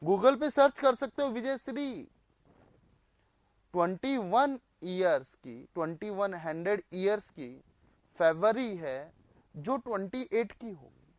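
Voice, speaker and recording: A man's voice: high voice, lively intonation, takes it slowly, no echo. A male teacher running a live online class, quizzing students, repeating their answers back and mixing in English phrases.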